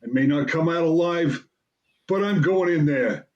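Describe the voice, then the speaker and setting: Cowardly lion, male actor: nervous comic radio-play blusterer, slow, animated, stammering, slightly lo-fi. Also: on the high side, natural voice. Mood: blustering dread.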